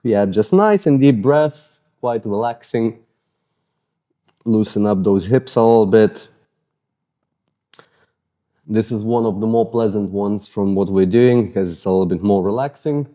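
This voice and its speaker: A man with an Eastern European accent speaks in a fairly low voice at a measured pace, pausing often. He's a fitness coach casually leading a follow-along mobility routine, still sweaty from a workout and joking about his own tight muscles. His coaching is relaxed, casual, and self-deprecating.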